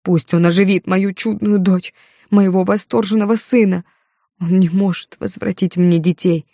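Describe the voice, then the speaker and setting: A woman's voice: medium pitch, fairly even intonation, moderate pace, no echo, studio quality, lightly acted. A woman doing a furious grieving old father. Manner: shouting in anger.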